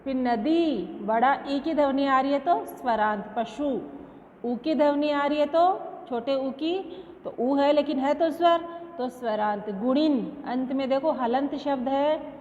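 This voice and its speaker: A woman's voice: sits high, a little slow, darkish tone. A woman school teacher giving an online class lesson, explaining step by step, asking questions and answering them herself, and mixing English words into her Hindi. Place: classroom with a blackboard. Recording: dull lo-fi sound with long reverb.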